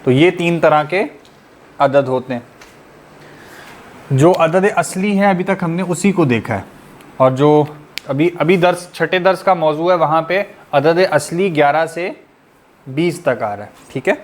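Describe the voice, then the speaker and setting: A man's voice: a little high, a little slow, pauses often. A man teaching an online class, explaining step by step and quizzing his students with repeated questions. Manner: patient, methodical explaining.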